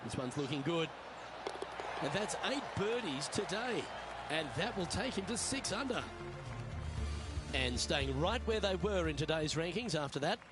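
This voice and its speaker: A man's voice: on the high side, lively intonation, measured pace, pauses often, over loud music. A man playing an upbeat, composed golf commentator in a video game broadcast. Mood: measured, engaged. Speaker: golf commentator, lead announcer. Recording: outdoor ambience noise behind voice.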